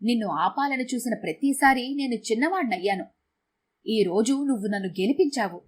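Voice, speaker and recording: A humbled older village father-in-law in a storybook speaks quietly, full of regret, as a woman narrator puts him on. The voice is subdued and husky. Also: fairly high pitch, lively intonation, normal speed. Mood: regretful.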